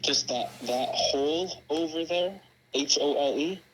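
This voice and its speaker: A man's voice: a little high, measured pace, a bit bright, a little hiss or hum, low-quality recording. Easygoing man on a speakerphone. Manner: easygoing, polite, a bit puzzled. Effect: heard over a speakerphone. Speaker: friend calling in. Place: at his parents' house.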